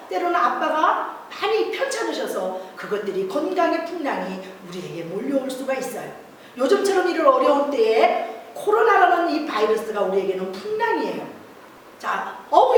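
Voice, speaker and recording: Animated woman preaching to kids, echoey church. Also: sits high, normal speed, a little hiss or hum. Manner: animated, acts out disciples' cries in a raised voice. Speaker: children's ministry preacher. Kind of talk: children's sermon storytelling. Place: church service room. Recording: echoey distant church room recording.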